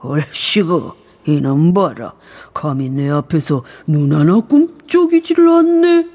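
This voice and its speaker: An actor playing a greedy, pompous village elder in a radio drama, bellowing and contemptuous. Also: male voice, extremely high pitch, animated, slow, heavily acted. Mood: sneering.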